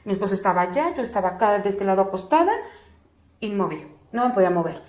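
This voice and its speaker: A woman's voice: mid-range voice, fast talker. A woman, a doula and interview guest, recounting a personal experience and acting out the other people's words. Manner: animated, acts out other people's words with a raised voice. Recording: roomy echo.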